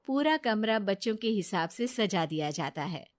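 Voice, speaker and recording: A woman narrating a cartoon moral story in a plain, steady way. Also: mid-range voice, moderate pace.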